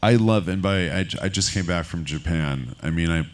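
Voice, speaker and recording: A man from France speaking as a guest on a festival stage, candid and relaxed, talking in loose rambling bursts. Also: low voice, normal speed. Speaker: film finance executive, keynote guest. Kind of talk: onstage conversation. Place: stage at a film festival market.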